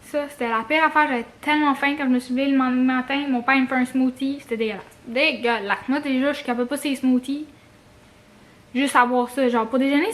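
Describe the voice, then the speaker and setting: A high-voiced young vlogger speaks French with a Quebec accent, telling the camera a personal story in a loose, colourful way. She swears, uses slang and slips in English words.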